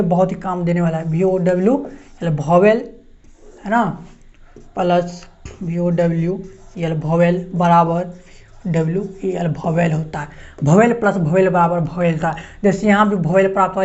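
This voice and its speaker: A woman's voice: lowish voice, a little mellow. A woman English teacher, explaining a grammar lesson, repeating points and answering her own questions. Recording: dull lo-fi sound.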